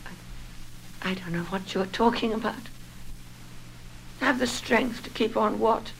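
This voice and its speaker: A woman's voice: medium pitch, slow, vocal fry, slight background noise, poor audio. An actress in 1960s film acting playing a nervous, fragile middle-aged mother who talks anxiously and defensively, rambling on.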